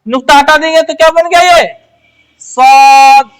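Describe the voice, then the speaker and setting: A woman's voice: sits high, steady tone, unhurried. A woman teaching the Urdu script, asking short questions and answering them herself while repeating key phrases. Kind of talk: letter-by-letter script lesson.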